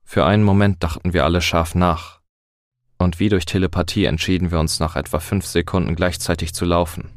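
Deep-voiced man reading a horror story. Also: fairly even intonation, brisk, dry recording. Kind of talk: scripted horror narration.

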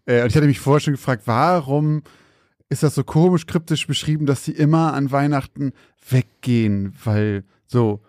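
A man's voice: mid-range voice, moderate pace, a little mellow, no echo, studio quality. A man chatting casually as a podcast co-host, rambling with restarts. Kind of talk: casual chat.

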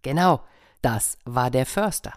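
A man telling a children's story in a lively, playful way, speaking directly to the young listeners. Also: mid-range voice, a little slow, dry recording, clean studio sound.

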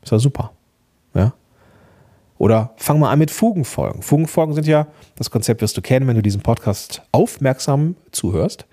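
A man hosting a podcast, giving chatty, encouraging advice straight to the listener and often checking in with a quick "ja?". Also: mid-range voice, expressive, warm tone, slightly rough. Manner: chatty, encouraging, addresses listener directly with frequent "ja?". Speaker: podcast host and coach. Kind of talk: casual podcast advice monologue.

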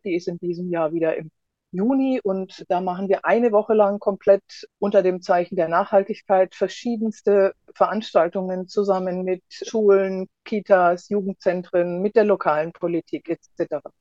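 A woman's voice: mid-range voice, fairly even intonation, moderate pace, dark tone, dry recording. A woman explaining her work as an association spokeswoman in a podcast interview, on a slightly lo-fi track.

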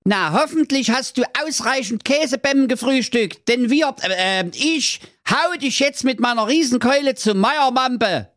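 A man's voice: very high-pitched, lively intonation, unhurried, few pauses, a bit bright, no room sound, studio quality, voice pushed up, heavily acted. A man voicing a boastful, clumsy male giant monster in a comic fairy tale, taunting. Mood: mocking.

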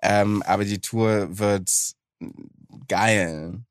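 Low-voiced German man mixing in American-accented English. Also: steady tone, drawn-out words, clear, resonant tone, no echo. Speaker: guest singer. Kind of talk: casual podcast chat.

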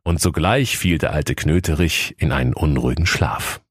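Very deep-voiced male storyteller. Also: moderate pace, husky, dry recording, clean studio sound. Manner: playful, storytelling, mock-solemn. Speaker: narrator. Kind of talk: comic scripted narration.

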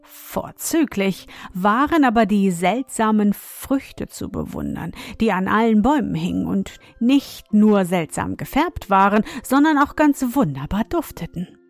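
A woman reading a fairy tale aloud to children in a gentle storytelling manner. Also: medium pitch, very animated, measured pace, hardly any pauses, dry recording.

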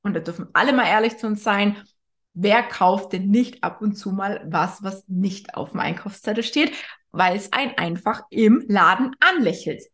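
A woman's voice: mid-range voice, animated, normal speed, fairly bright tone. A woman nutrition coach giving casual spoken advice, chatty, with frequent tag questions and restarts. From Germany.

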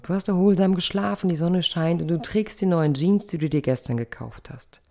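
Gravelly, mellow-voiced coach musing aloud. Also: mid-range voice. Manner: calm, thoughtful, asks listeners rhetorical questions. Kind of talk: reflective podcast monologue.

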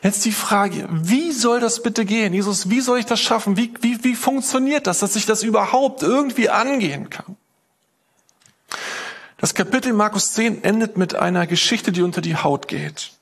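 Male pastor, husky voice, animated sermon storyteller. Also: high-pitched, normal speed. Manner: lively storytelling, acting out quoted prayers and voices.

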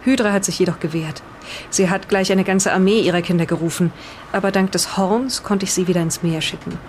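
An improvised radio play features someone as an earnest, defensive island resident, speaking deliberately in the manner of reading aloud. The voice is natural and mid-range with fairly even intonation, carrying a little hiss or hum, in a solemn reading.

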